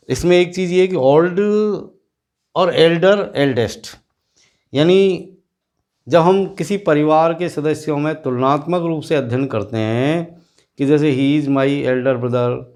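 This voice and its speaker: A male English grammar teacher, giving a classroom lesson and explaining slowly with drawn-out word lists. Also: on the high side, darkish tone.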